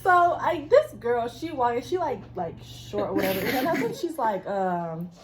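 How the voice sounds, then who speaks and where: Lively young woman chatting, faint hiss. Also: a little high, normal speed. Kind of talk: casual chat.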